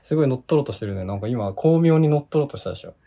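Bantering man with a husky mid-range voice. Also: medium pitch, expressive, dark tone. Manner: bantering, quick with playful retorts. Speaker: podcast co-host. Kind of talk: casual chat.

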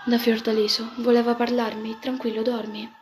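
A woman's voice: a little high, flat delivery, normal speed, a little mellow, close to an everyday voice. A woman voicing a sweet sixteen-year-old girl in love who speaks affectionately, with music playing behind. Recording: background music throughout.

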